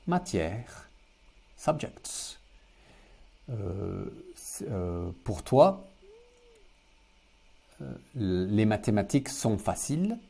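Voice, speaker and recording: A man teaching a beginner lesson, saying each phrase slowly, repeating it and giving the for it. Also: on the low side, warm tone, husky. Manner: slow, repeats phrases and translates to English. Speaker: French teacher. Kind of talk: language lesson.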